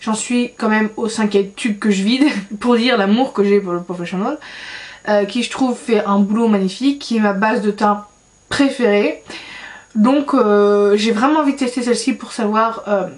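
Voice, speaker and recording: A young woman talking casually as a beauty vlogger, chatty and self-mocking, with many fillers. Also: mid-range voice. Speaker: beauty YouTuber. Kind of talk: casual vlog chat.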